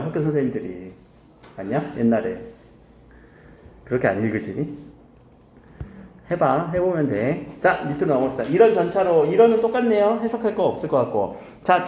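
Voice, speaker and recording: Man, grammar teacher, casual lecture, quick questions to students, lively intonation, echoey room. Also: a little high, a little hiss or hum. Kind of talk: recorded lecture to high school students.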